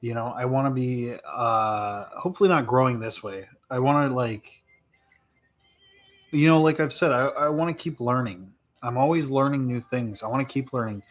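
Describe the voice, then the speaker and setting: A man streaming live and answering viewer questions in a relaxed, rambling way, thinking aloud with plenty of fillers and laughs. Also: mid-range voice, moderate pace. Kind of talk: casual live chat.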